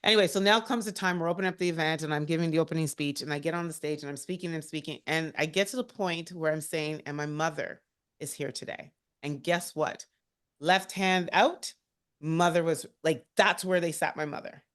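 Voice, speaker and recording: Woman guest speaker, kinda low voice, chatty and animated, telling stories from the heart. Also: brisk. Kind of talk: personal storytelling in a career talk.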